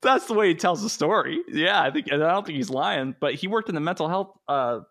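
A man's voice: on the high side, animated, brisk, gravelly, fairly bright tone. Laughing, loose-talking podcast guest man. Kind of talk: casual comedic podcast chat.

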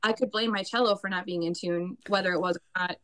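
Lively woman choir teacher telling stories. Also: lowish voice. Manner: quick storytelling, acts out quotes, laughs often. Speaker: choir teacher, podcast co-host. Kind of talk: casual chat.

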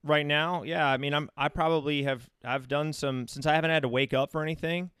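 A man's voice: on the high side, steady tone, fairly quick, a bit bright, smooth, no echo, studio quality. An American man in his thirties talking casually and at length, telling anecdotes as an interview guest. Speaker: interview guest, running coach. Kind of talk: casual chat.

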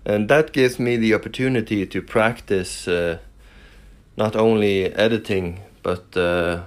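Speaking English as a second language, a podcast host from Norway runs a relaxed solo show in a Norwegian-accented voice on the low side. His speech is marked by frequent pauses, lots of fillers, and restarts.

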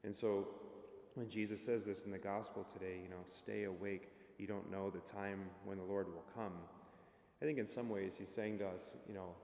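A priest reading the gospel and preaching at mass with a measured, earnest delivery, heard with a cathedral echo in a large church. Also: male voice, sits low, steady tone, darkish tone. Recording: echoey church with long reverb.

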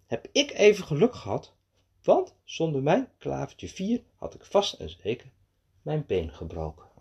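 A man voicing a cheerful, overconfident little male mannikin in a storybook, with a husky voice. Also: fairly high pitch, wildly swooping pitch, unhurried, darkish tone, lo-fi sound, pitched above the performer's own voice, heavily acted. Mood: delighted.

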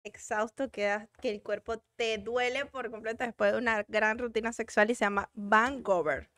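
Halting woman, dry close sound, higher voice. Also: fairly even intonation, fairly bright tone, no echo. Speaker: podcast panelist. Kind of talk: casual personal storytelling.

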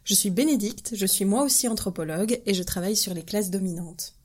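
A woman co-hosting a podcast, reading a scripted introduction clearly and evenly. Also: medium pitch, brisk, darkish tone. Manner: clear, read-aloud delivery. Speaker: podcast co-host. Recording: guitar music underneath.

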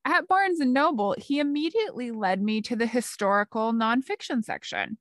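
A woman's voice: a little high, normal speed, a bit bright, no room sound, clean studio sound. A woman co-hosting a podcast, chatting casually and laughing often as she tells and reads out stories. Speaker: podcast co-host. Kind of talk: casual chat.

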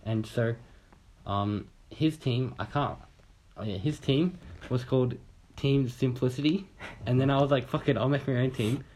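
On a podcast, a young Australian man spins a long, meandering story in casual conversation, swearing easily and acting out what others said. His voice is mid-range and darkish, at a moderate pace.

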